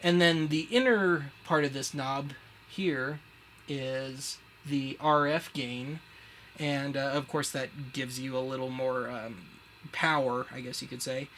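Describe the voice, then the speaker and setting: Taking it slowly, this American host of a retro media web show walks viewers through a gadget demo in a medium-pitched, steady, fairly bright voice. He explains casually with slang and wry self-deprecation, and background noise can be clearly heard.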